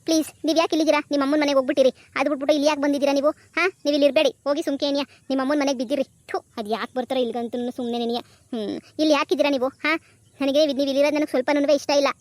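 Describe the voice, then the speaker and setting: A woman voicing a high, quick-talking young village wife in a cartoon comedy. She turns from sugary begging to biting scorn. The recording is close and dry. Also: steady tone, no echo, lightly acted. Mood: angry. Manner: pleading sweetly to her father-in-law, then scolding with contempt.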